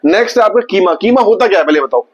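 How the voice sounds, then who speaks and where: Man, teacher, classroom vocabulary lesson, quizzes students, repeats words, high voice, muffled recording. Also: lively intonation, rapid-fire.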